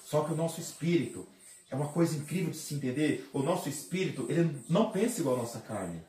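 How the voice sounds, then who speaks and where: A man's voice: on the high side, expressive, fast, mellow. A man, a pastor, giving an emotional testimony of faith, dramatic and re-enacting his own cries and heartbeat. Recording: roomy sound from a distant mic.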